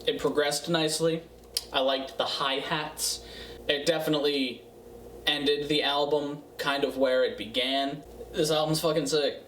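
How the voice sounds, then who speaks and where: A man giving a casual, profane music review in a tipsy, rambling way, halting and repeating himself. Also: fairly high pitch, fairly even intonation, fairly bright tone. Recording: roomy, distant mic, faint noise.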